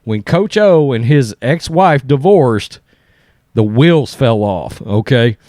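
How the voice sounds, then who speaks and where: A man's voice: mid-range voice, lively intonation, slow pace, a little mellow, no room sound, clean studio sound. A man hosting casual sports commentary, speaking bluntly and conversationally as he reads and reacts. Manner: blunt, conversational, often tags points with "okay?". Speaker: sports commentary video host. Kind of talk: casual opinion commentary, reading and reacting to articles.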